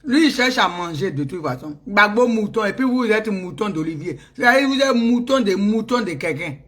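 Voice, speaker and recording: A woman's voice: mid-range voice, lively intonation, moderate pace, fairly bright tone. A middle-aged woman with an Ivorian French accent, ranting in a casual, teasing way and laughing often. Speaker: vlogger. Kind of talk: casual mocking rant.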